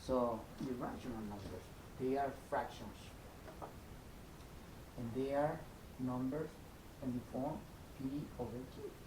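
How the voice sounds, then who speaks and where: A man from El Salvador with a Salvadoran Spanish accent teaches math in an informal video lesson, going step by step, repeating himself and checking in. He's unhurried and pauses often. The room is echoey, with clear rumbling noise.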